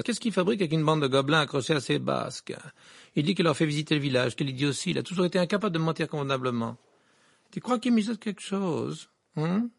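A man's voice: a little high, vocal fry, dry recording, studio quality. A man reading aloud and voicing a scheming middle-aged female gossip journalist with a gushing, falsely sweet manner.

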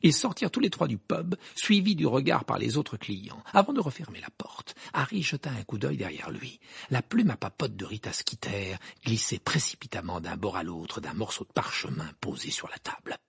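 A man reads a novel aloud as an audiobook, telling it expressively. His voice is husky and gravelly with lively pitch. The recording is dry and close. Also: moderate pace, no echo. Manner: expressive storytelling. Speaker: audiobook reader. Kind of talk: audiobook narration.

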